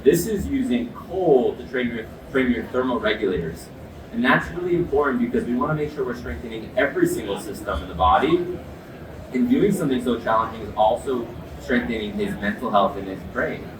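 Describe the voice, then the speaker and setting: A man's voice: mid-range voice, expressive, brisk. A man giving an explanatory product demo as an expert, speaking in an earnest, emphatic way. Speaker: ice bath expert and product demonstrator with sports medicine background. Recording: echoey, distant mic, noisy background.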